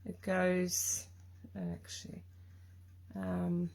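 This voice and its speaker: A middle-aged Tasmanian woman from Australia hosts a live craft stream from her craft room, her croaky voice fairly low, sing-song, extremely slow and a little mellow. She chats casually and rambles, with plenty of ums.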